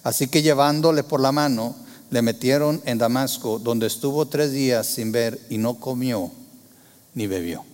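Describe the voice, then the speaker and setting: A man preaching a sermon, asking the congregation rhetorical questions and moving between loud emphasis and hushed tones. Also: mid-range voice, moderate pace, long reverb tail.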